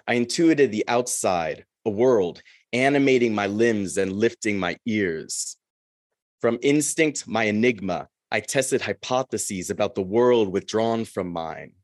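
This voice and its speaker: A man voicing a lonely, brooding male minotaur in a slow, measured poetry reading. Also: lowish voice, animated, no echo, studio quality.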